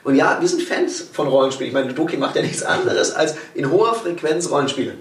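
A man in casual conversation, a sales trainer who talks in a lively way and acts out examples. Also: fairly high pitch, quick pace, reverberant, recorded from a distance. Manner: lively, explains with acted-out examples.

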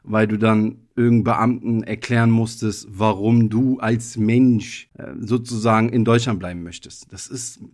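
A man's voice: lowish voice, steady tone, normal speed, hardly any pauses, darkish tone. A man in his thirties who grew up in Germany, hosting his own podcast in a casual, reflective monologue with loose wording and many hedging fillers. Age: 30s. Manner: thoughtful, personal, loose with frequent hedging fillers. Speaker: podcast host.

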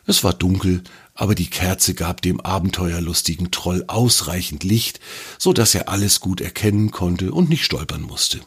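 A man narrating a children's story in an expressive, lively reading voice. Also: sits low, moderate pace, breathy edge.

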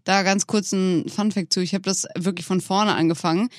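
A podcast co-host in loose conversation who asks lots of questions and then explains things at length. The voice sits at a middling pitch. The recording is close and dry. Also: fairly even intonation, a little fast, no echo. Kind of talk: casual chat.

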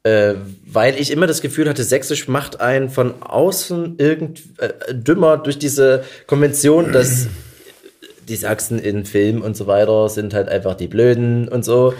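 A man's voice: medium pitch, unhurried, a little mellow. A man from Saxony, chatting and laughing on a podcast as co-host. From Saxony, Germany. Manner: chatty, self-mocking, laughs often. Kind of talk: casual podcast chat.

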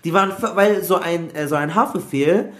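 Brief: male guest, higher-pitched voice, lively storyteller who drops in English words, recorded in an echoey room. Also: moderate pace. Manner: animated, mixes in English words. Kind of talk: casual storytelling in a podcast chat.

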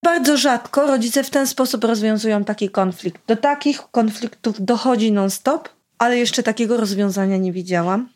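A woman's voice: fairly high pitch, normal speed, few pauses, darkish tone. Chatty woman reviewing children's books. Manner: chatty, reads story passages aloud with character voices; laughs between remarks. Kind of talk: casual book review with read-aloud.

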